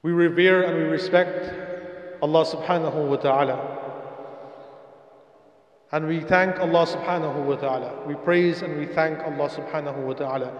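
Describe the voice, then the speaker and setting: A man in his thirties giving a Friday sermon at a stand mic in a mosque, in a measured, repetitive devotional cadence. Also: fairly high pitch, steady tone, muffled recording. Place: mosque prayer hall, indoors. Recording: echoey hall reverb.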